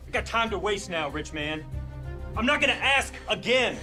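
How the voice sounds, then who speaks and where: A man's voice: sits high, expressive, normal speed, over music. A man acting a threatening, bossy kidnapper who gives curt orders in a scripted drama.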